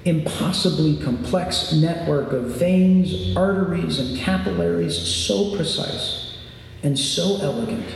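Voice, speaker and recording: A man giving a reflective sermon in a large sanctuary, with measured, lyrical phrasing. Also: a little high, vocal fry, a little mellow. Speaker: preacher. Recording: very echoey large hall, faint noise.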